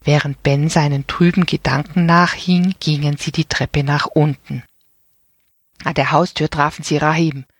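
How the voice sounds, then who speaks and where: A woman narrating a children's story in a calm, even way. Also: sits low, a little slow, slightly rough, dry recording. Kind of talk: audiobook reading of a children's story.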